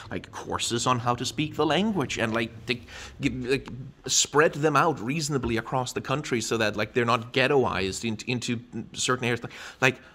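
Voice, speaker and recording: A man's voice: mid-range voice, fairly bright tone. A man giving a casual, heated vlog rant, swearing freely and stumbling over repeated words as he goes. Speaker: vlogger. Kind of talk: casual, impassioned rant to camera.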